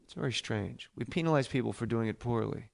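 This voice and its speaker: A man's voice: medium pitch, vocal fry, darkish tone. A man in his forties from New Jersey, hosting a podcast in casual, profane chat and slipping into impressions. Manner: profane, quick to slip into impressions. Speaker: podcast host and comedian.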